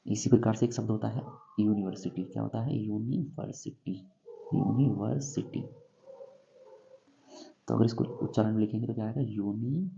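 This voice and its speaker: A man teaching English grammar in a classroom-style lesson, going slowly and asking himself questions before he answers them. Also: lowish voice, fairly even intonation, vocal fry, mellow, lo-fi sound, a little hiss or hum. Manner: slow, repeats and quizzes himself with questions.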